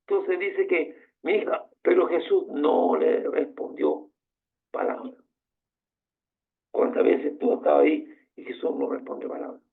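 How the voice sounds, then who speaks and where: A man's voice: fairly high pitch, unhurried, gravelly. A man preaching a sermon as pastor, passionate and full of rhetorical questions. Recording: tinny phone-like sound.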